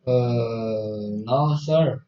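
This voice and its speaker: A man's voice: mid-range voice, very slow. A man repeating English phrases as a student, slightly hesitant. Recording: echoey muffled room.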